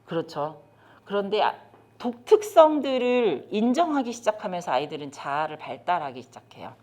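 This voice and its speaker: With a fairly low pitch and moderate pace, a middle-aged South Korean lecturer on child development teaches caregivers in a lecture room. She keeps things lively, speaking directly to listeners and quizzing them.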